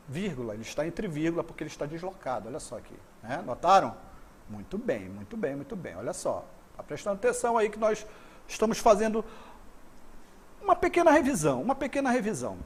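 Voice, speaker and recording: Brazilian guy teaching punctuation online, high voice, goes up and down a lot, repeats stuff. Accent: Brazilian Portuguese. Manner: lively, repetitive, coaxing students to look. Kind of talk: online grammar lesson.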